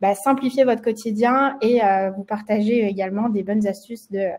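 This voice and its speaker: A French woman, a marketing manager, hosts a live webinar in a medium-pitched, steady, slightly dark voice at a moderate pace. Her French accent comes through, and she has a slight frog in her throat. She uses lots of fillers and keeps restarting hesitantly.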